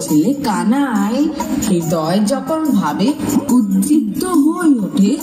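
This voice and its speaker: A woman playing a pompous, self-satisfied gentleman orator in an amateur stage comedy, speaking in a florid, emphatic way. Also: mid-range voice, sing-song, slow pace. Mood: boastful. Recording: echoey stage, distant mic, music behind.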